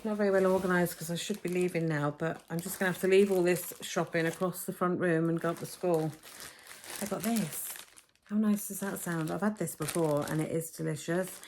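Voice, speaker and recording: A woman's voice: deep voice, gravelly, darkish tone, slight background noise. Woman chatting into a phone video. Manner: chatty, talks to camera while unpacking shopping. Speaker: vlogger. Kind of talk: casual shopping haul vlog. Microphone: phone camera, filmed as a phone video.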